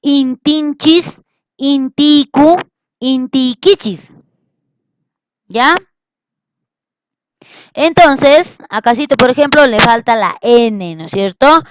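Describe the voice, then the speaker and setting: A woman teaching a language lesson, slowly repeating words and often checking that her students follow. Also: sits high, no echo, poor audio. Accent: Peruvian Spanish. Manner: slow, patient, repeats words and checks understanding. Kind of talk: classroom lesson.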